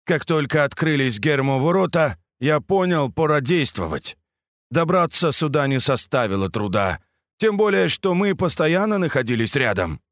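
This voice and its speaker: A man's voice: fairly high pitch, normal speed, no room sound, pitched above the performer's own voice. A man putting on a cold villainous professor. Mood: cold mocking. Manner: calm, cold, mocking.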